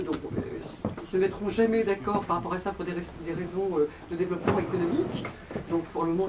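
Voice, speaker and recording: An audience member at a conference speaking without a microphone, rambling with many fillers. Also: medium pitch. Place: conference room. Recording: distant voice with background noise.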